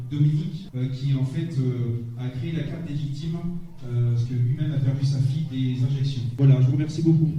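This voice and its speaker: Guy announcing speakers at a meeting, far from mic, super echoey, dark muffled sound. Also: a little high. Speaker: meeting organizer.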